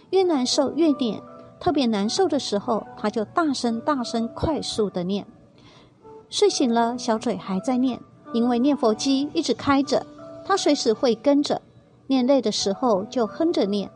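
A woman with a somewhat high voice reads a first-person testimony, her delivery earnest and tender. Faint music plays quietly beneath her steady narration. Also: normal speed.

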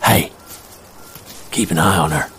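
A man voicing an adult who leads a group of kids in a cartoon, in a calm, cautioning manner. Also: sits low, unhurried, a little hiss or hum.

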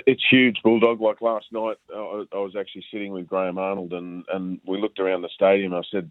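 Man, phone-in pundit, very low pitch, dry phone line, hesitant and repeating himself. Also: dry recording. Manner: hesitant, lots of uh and um, repeats words. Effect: over the phone. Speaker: football analyst. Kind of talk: casual radio phone-in chat.

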